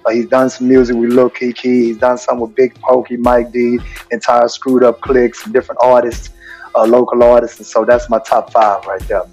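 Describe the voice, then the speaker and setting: A man, a high school basketball coach, answering interview questions in an earnest, rambling way full of fillers. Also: flat delivery, normal speed, gravelly, a little mellow, breathy edge, faint music behind. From Houston, Texas.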